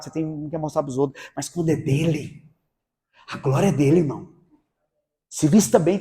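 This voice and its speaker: A man preaching a lively evangelical sermon, swinging between hushed asides and shouted exclamations. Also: high-pitched, husky. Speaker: pastor. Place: church.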